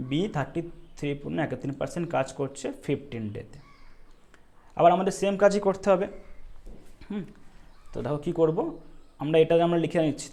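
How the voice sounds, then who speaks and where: A male math teacher working through exam problems step by step, often asking the students if it is clear and telling them not to worry. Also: a little high, a little mellow. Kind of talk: exam-prep math lesson.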